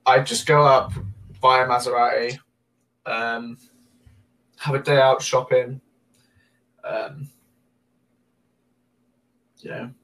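A man co-hosting a casual podcast chat, hesitant and filling pauses with ums. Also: medium pitch, flat delivery, pushed and bright, rough recording. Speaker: podcast co-host.

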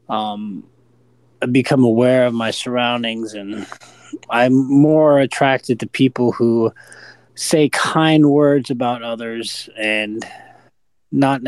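A man sharing his views on a recovery podcast in a reflective, hesitant, casual way with frequent pauses. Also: medium pitch, darkish tone, smooth, dry recording, rough recording. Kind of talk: casual sharing in group talk.

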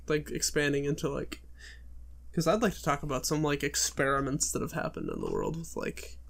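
Gravelly young man rambling. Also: fairly high pitch, wildly swooping pitch, brisk, fairly bright tone. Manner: rambling, full of likes and ums. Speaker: podcast co-host. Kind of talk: casual chat.

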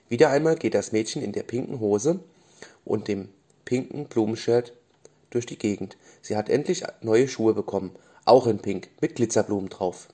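A man gently reading bedtime stories for children, with small restarts now and then. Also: fairly low pitch, moderate pace. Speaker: storyteller.

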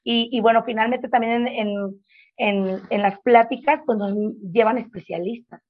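Mom telling her story, heartfelt, lots of fillers, a bit raspy, muffled lo-fi sound. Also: fairly high pitch, steady tone, moderate pace. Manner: earnest and emotional, talks in loops with many fillers. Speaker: mother sharing her testimony. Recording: dull lo-fi sound.

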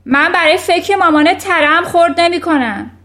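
A woman's voice: a little high, lightly acted. A woman voicing a furious, bullying giant of a headmistress who roars her orders. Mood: roaring. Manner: roaring, shouting.

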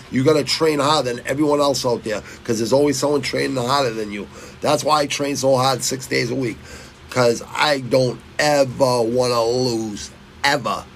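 A middle-aged man from Massachusetts hosts a fight picks channel, rambling and cursing through his betting choices and tripping over fighters' names. His mid-range voice is creaky, and the rough recording carries a little hiss or hum.

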